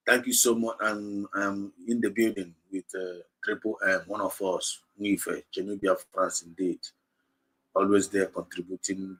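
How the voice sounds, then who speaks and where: A livestream host with a Nigerian accent and a lowish, husky, fairly bright voice exhorts his listeners with passion, repeating his points and switching between English and Igbo. The recording quality is rough.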